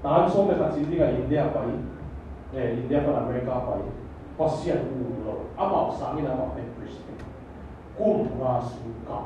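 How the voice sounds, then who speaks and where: A man's voice: mid-range voice, a little fast, noisy background. A man preaching a sermon in a church hall, drawing responses from the congregation. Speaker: pastor. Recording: echoey hall, distant mic, dull sound.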